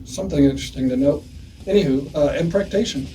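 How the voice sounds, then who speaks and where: A man's voice: a little high, fast, mellow, recorded from a distance, slight background noise. A man in his forties giving a casual, rambling music review, full of "uh"s and "anywho"s.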